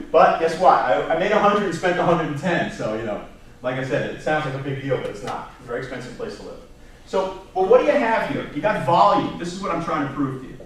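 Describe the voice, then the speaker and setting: This job search instructor, a Long Island man with a Brooklyn accent, chats informally with his staff meeting in an animated storytelling style. Speaking on the high side and a little fast, he acts out quotes, tosses in rhetorical questions, and chuckles. The indoor room is echoey, with background noise, and the mic sits far away.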